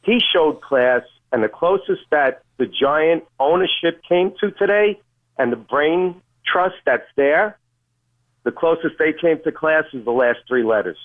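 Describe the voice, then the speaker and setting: A man calling in to a radio show over a phone line, speaking in a halting, measured way. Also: fairly high pitch, animated. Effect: phone call on radio. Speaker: caller. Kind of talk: call-in radio.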